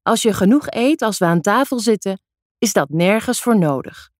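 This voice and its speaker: A nagging mother in a storybook reading, her voice pitched up and reproachful, as a woman reader puts her on. The sound is close and dry, with no room around it. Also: lively intonation, moderate pace, darkish tone, no room sound, natural voice. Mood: scolding. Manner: reproachful, raised voice. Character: nagging middle-aged mother scolding her teen daughter.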